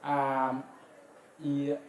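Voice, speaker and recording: A man's voice: mid-range voice, completely flat delivery, echoey room, slight background noise, low-quality recording. A middle-aged man from Afghanistan with an Afghan Dari accent, the bride's father telling fond, chuckling anecdotes in a wedding speech. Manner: warm anecdotal storytelling with chuckles and pauses.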